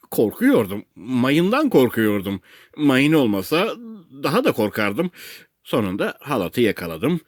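Male audiobook narrator, expressive comic reading, very animated intonation, dry booth sound. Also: mid-range voice, no echo. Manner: expressive, playful storytelling. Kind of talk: first-person comic story reading.

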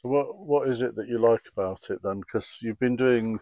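A man's voice: medium pitch, normal speed, warm tone, no room sound. A man conducting a casual walk-and-talk interview outdoors, asking loose questions full of fillers like "kind of" and "sort of".

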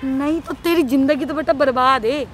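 A woman with a high voice argues in the open air, first hurling abuse, then pleading through tears. Her lines come in a tense, urgent rush. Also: normal speed, a little hiss or hum. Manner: abusive then tearful and pleading. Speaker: woman confronted in a staged street prank video. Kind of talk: heated street confrontation, pleading. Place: outdoors on a city street.

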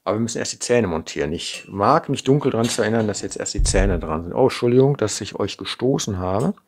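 Here the model kit maker, a middle-aged man from Germany's Ruhr area with a Ruhr German accent, talks quickly in a lowish voice with lively intonation. He chats and muses aloud as he assembles a kit at his indoor workbench, peppering his sentences with "ne?". The unscripted hands-on build is captured by a camera mic over the tabletop, hands in frame.

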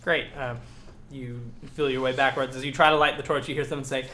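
A man's voice: medium pitch, fairly even intonation, a little fast, pushed and bright. A man narrating as game master, rambling with lots of fillers.

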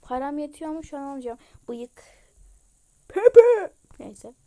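A high-pitched woman talks her viewers through a game. She reacts excitedly to each new find and gushes over the cute items. Her commentary is casual and chatty. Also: fairly quick. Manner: excitable, gushing exclamations. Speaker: game vlogger.

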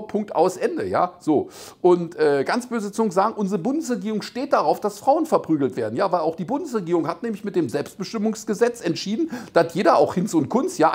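A man giving sarcastic commentary on news items, rambling, mocking, and laughing at his own jokes. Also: sits high. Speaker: satirical commentator. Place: Las Vegas.

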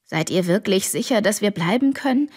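A woman's voice: medium pitch, lively intonation, brisk, a little mellow, breathy edge. A woman reading the part of a worried, middle-aged neighbor father, retelling in a shaken, hesitant way. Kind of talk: audiobook reading.

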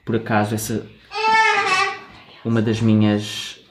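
A man with a European Portuguese accent co-hosting in a relaxed, friendly, talkative chat. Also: lowish voice, slow pace, heavy background noise. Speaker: co-host. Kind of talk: casual chat.

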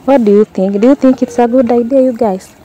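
A woman's voice: on the high side, fairly even intonation, a little fast, mellow. A young woman with a Kenyan accent chatting casually to her viewers, asking them questions, with plenty of fillers. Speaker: vlogger. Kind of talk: casual vlog chat to viewers. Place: busy outdoor village market at dusk.

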